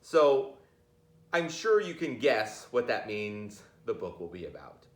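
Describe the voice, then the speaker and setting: A lowish, sing-song male voice at a slow pace. He reads a children's picture book aloud as a storyteller, playfully addressing his listeners directly with chatty asides. The recording sounds roomy and echoey.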